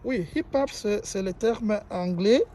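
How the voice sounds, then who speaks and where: A man's voice: sits high, slow pace, mellow, slight background noise. A male journalist asking interview questions, rephrasing and repeating them with many fillers.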